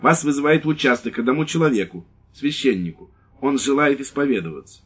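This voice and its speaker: A man's voice: medium pitch, fast, a bit bright, husky, voice pushed up. A man voicing a stern police lieutenant who gives curt orders, in an audiobook. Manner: stern, commanding.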